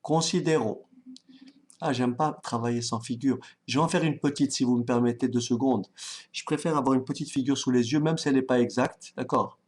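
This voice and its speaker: A man teaching a maths lesson, calm and patient, thinking aloud as he writes and often checking that his students follow. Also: medium pitch, brisk. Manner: talks directly to students, checks they follow. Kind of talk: online exam-prep lesson.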